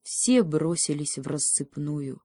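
A woman reading a children's fairy tale aloud in a calm, unhurried storybook manner. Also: low voice, no room sound, clean studio sound. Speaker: audiobook reader. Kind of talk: storybook narration.

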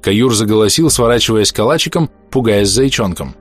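A man reading an audiobook aloud in an expressive storytelling manner. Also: lowish voice, brisk, no echo, soft background music. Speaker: audiobook narrator. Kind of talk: scripted narration.

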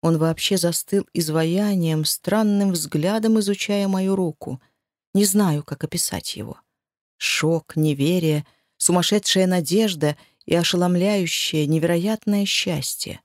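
Woman audiobook narrator, slightly low voice, dry close sound, emotional read. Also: measured pace, dry recording. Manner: expressive, emotional reading. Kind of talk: first-person audiobook narration.

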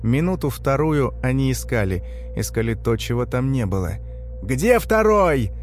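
A man narrating a dark first-person story in a measured, grave, tense manner. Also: medium pitch, animated, a little hiss or hum. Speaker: audiobook narrator.

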